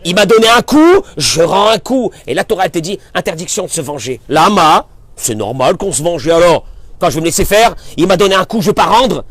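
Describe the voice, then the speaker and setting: Male rabbi, animated sermon, drops to near-whispers then bursts into shouts. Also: high-pitched, a little fast, dry recording. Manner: impassioned, swings from quiet to shouting; acts out dialogue with listeners, addresses them familiarly.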